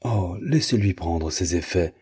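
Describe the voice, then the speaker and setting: A man's voice: low-pitched, lively intonation, a little slow, darkish tone, husky, full character voice. A man reading aloud, voicing a simple, tearful older woman who pleads meekly. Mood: pleading. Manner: pleading, meek.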